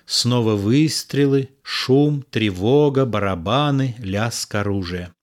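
A man reads out the stage directions of a play in an even, measured voice. His pace is slow and deliberate, with a middle pitch. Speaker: narrator.

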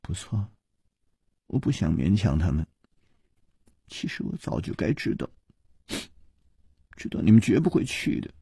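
A man's voice: medium pitch, sing-song, moderate pace, long pauses, a little mellow, breathy edge, dry recording, studio quality, voice pushed down. A man voicing a coquettish, emotional young princess with a coy, pleading manner. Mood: hurt.

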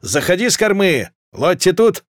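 Give me a man playing an eager young galley captain giving quick orders, in a dry, fairly high voice. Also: very animated, no echo. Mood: excited.

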